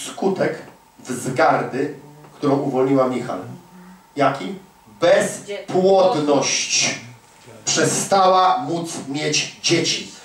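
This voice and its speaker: A man preaching a fervent, emphatic sermon full of rhetorical questions. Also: a little high. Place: large echoey prayer hall. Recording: echoey hall recording from far off.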